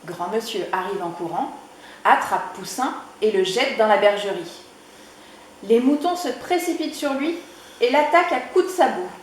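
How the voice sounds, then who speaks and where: Slow soft lady reading a kids' book, big echo, faint hum behind. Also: medium pitch, expressive. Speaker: librarian reading to children. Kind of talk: children's storybook reading. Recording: echoey room.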